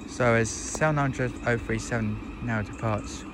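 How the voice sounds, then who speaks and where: A man's voice: mid-range voice, fairly even intonation, unhurried, heavy background noise. A man giving casual live train commentary on an outdoor railway platform. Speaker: trainspotting video host.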